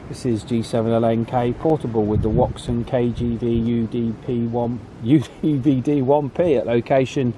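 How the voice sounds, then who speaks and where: This British radio review host has a warm, medium-pitched voice with little pitch movement, talking at normal speed with few pauses. His hands-on product review is informal and conversational, recorded amid heavy vehicle and radio noise.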